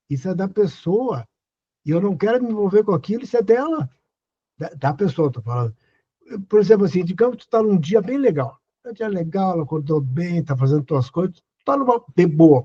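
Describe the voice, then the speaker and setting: A man's voice: high-pitched, big pitch swings, fairly quick, mellow, slightly rough, highs cut off. An older man, hosting a live stream and giving earnest, casual advice, often asking the listener questions. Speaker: host.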